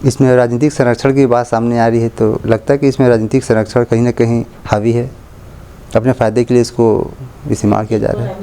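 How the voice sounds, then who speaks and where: Male interviewer, polite but probing, mellow dark tone. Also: mid-range voice, level tone, a little fast, slight background noise.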